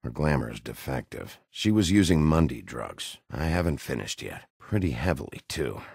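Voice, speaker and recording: An actor playing a gruff, brooding wolf-man detective in a video game, terse and hard-boiled, with a husky growl. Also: extremely low pitch, sing-song, normal speed, a little mellow, dry recording, studio quality, heavily acted. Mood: quiet, investigative.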